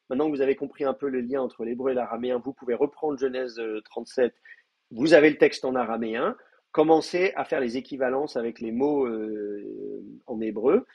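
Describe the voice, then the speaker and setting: Hesitant male teacher, husky voice. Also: medium pitch, muffled recording. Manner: hesitant, many fillers and restarts. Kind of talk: online lecture.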